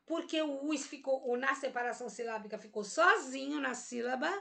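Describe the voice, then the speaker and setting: A woman's voice: high voice, a little fast, creaky, pushed and bright. A woman teaching a grammar lesson, patient and methodical, often checking that her students follow. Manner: patient, repeats and checks understanding. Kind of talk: explanatory lesson.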